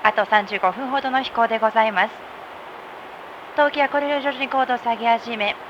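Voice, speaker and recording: A woman flight attendant reads a formal announcement at a very rapid pace. Her voice is fairly high and polite. It comes through a muffled cabin speaker with clear aircraft noise behind it.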